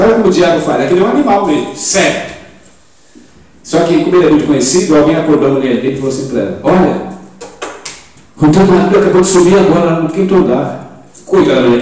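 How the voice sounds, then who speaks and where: A man in his seventies with a Brazilian accent, preaching a sermon with emphatic loud rises and rhetorical questions. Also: high-pitched, expressive, fast talker. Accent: Brazilian Portuguese. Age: 70s. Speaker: pastor. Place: church in Portugal. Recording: very echoey church hall, mic at a distance.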